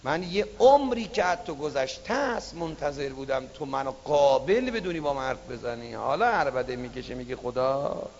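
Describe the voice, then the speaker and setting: A man preaching voices God as a calm, stern, patient presence who speaks low and firmly. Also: a little hiss or hum. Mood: solemn reproach. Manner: low, hushed, firm and reproachful. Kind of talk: sermon storytelling. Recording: dull lo-fi recording.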